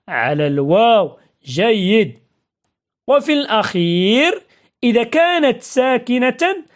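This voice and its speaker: A woman teaching a spelling lesson, patiently asking and answering her own questions and drilling example words slowly. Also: a little high. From Morocco.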